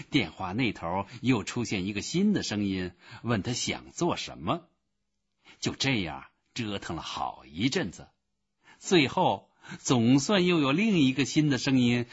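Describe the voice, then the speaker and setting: Male storyteller, children's book narration, very lively pitch, slow, husky, dull lo-fi recording.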